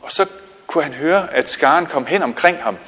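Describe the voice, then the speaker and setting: A man's voice: on the high side, animated, big-room sound. Man preaching a children's sermon in a church. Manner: gentle, asks the children questions, frequent hesitations. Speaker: pastor.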